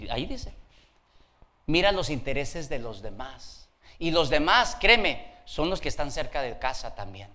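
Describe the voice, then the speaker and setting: A male pastor preaches a sermon with a bright, fairly high voice. He works the congregation with call-outs and keeps a playful, laughing tone. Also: measured pace. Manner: lively, calls out to the congregation for responses.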